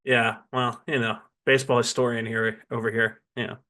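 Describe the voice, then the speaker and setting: A man's voice: mid-range voice, flat delivery, moderate pace, bright, forceful tone. A man co-hosting a casual sports podcast, teasing his friends and telling stories. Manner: teasing, storytelling banter. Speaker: podcast co-host.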